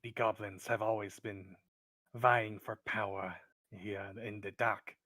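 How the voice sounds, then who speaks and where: Brief: man doing a paranoid kobold guard, low, slow, loud and accusing. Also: steady tone, no room sound, exaggerated voice. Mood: wary. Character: suspicious, bitter male kobold guard.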